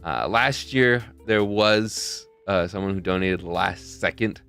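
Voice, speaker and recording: This young charity streamer talks slowly in a low, smooth voice that's a bit bright, with some vocal fry. Faint music sits in the background as he rambles loosely and loses track of his thoughts, close to a desk mic beside his face camera.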